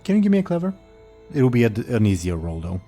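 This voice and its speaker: A man's voice: medium pitch, huge pitch swings, fast, warm tone, faint music behind. A man running a tabletop game as game master, narrating casually.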